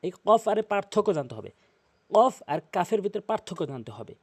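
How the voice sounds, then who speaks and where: A man with a somewhat high voice teaches Quran recitation. He says each Arabic letter several times over and explains how the mouth and tongue form it, in a patient instructional tone. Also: sing-song, a little mellow. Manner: repeats each letter slowly, drilling pronunciation. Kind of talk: Arabic letter pronunciation lesson.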